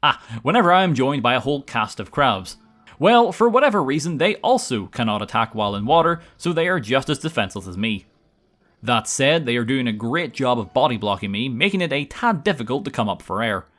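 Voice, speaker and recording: A man's voice: mid-range voice, very animated, a little fast, fairly bright tone. A man narrating gameplay from a script in a wry, casual, tongue-in-cheek manner. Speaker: gaming video narrator.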